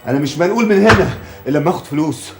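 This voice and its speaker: A poor Egyptian worker who insists on being paid and then pleads. He speaks Egyptian-accented Arabic in rapid bursts, at a slightly raised pitch. Clear music runs behind him in this TV drama. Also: lively intonation. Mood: insistent. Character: poor worker demanding his money.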